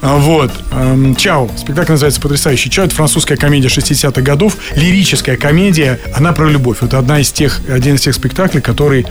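A man's voice: on the high side, quick pace, few pauses. Guy in his 50s on a radio show, rambling and joking, studio mic with music underneath. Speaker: actor guest on a radio show. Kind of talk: casual radio interview chat.

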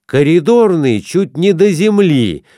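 Unhurried expressive male audiobook narrator. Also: on the high side, no room sound, clean studio sound. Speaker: audiobook reader. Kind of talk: scripted narration.

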